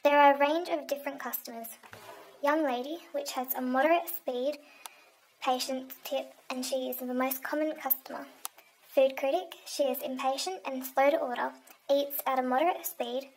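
High-voiced young woman reading a script. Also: steady tone, normal speed, rough recording. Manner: reads from a script, evenly, with occasional slips. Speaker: student game reviewer. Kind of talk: read-aloud scripted review. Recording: faint background noise with clicks.

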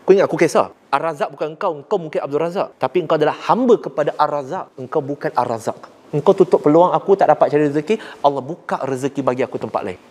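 Malaysian man, preacher, blunt forceful lecture, rather high voice, long hall reverb. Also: fast. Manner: blunt and forceful, switches between languages; rises sharply when making a point. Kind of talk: lecture on preaching to young people.

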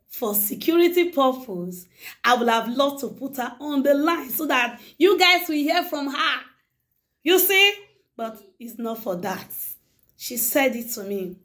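Middle-aged woman, high voice, emphatic and preachy YouTuber monologue with lots of repetition. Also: fairly bright tone. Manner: emphatic and preachy, repeats phrases. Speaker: YouTuber addressing her viewers. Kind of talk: casual monologue to camera.

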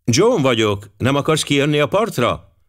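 A henpecked army colonel, soft-spoken and apologetic, as a male audiobook reader plays him. He sits somewhat above the reader's own pitch and hesitates as he speaks. He sounds eager to avoid trouble. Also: big pitch swings, lightly acted. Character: nervous henpecked middle-aged army colonel. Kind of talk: audiobook character voice.

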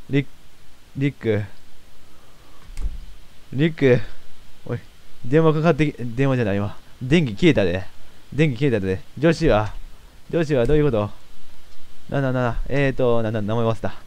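A man with a doing let's play commentary as a game streamer, excitable, stammering, and talking to himself. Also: medium pitch.

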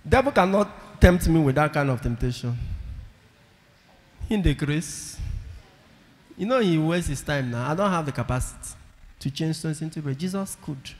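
Emphatic priest preaching in a church. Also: male voice, fairly high pitch, lively intonation, moderate pace, pauses often. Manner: emphatic, repeats key phrases, calls for audience responses. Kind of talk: sermon. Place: large church with congregation. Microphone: handheld microphone. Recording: long church reverb.

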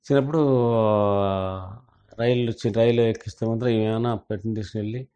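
A man's voice: medium pitch, steady tone, fast talker, mellow. An older man and senior journalist, earnestly telling a family story in an interview and mixing in English words.

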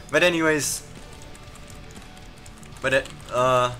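A man giving live commentary while playing a game, rambling with many fillers and restarts and reacting excitedly to the action. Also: mid-range voice, extremely slow, soft background music. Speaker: gameplay commentator.

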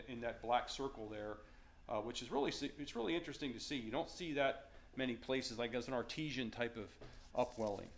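Man lecturing with halting restarts. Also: medium pitch, a bit bright. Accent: Virginian. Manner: unscripted, many fillers and restarts. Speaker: regional fisheries manager giving a talk. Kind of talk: slide presentation lecture. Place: darkened meeting room with audience.

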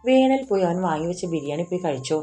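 A woman's voice: lowish voice, expressive, fast, warm tone, soft background music, natural voice. A woman voicing a teasing young romantic hero. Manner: playful, teasing.

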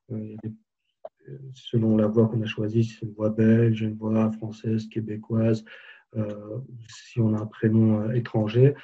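A man giving a live software tutorial webinar, casually explaining each step as he clicks through it. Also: medium pitch, husky, highs cut off. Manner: casual, explanatory, walks through steps on screen. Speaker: software trainer.

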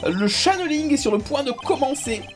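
A woman reading game lines as a brash female photographer with a Marseille accent, talking loud and sing-song. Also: high-pitched, animated, moderate pace, soft background music, pitched above the performer's own voice. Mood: excitable. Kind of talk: reading game dialogue aloud.

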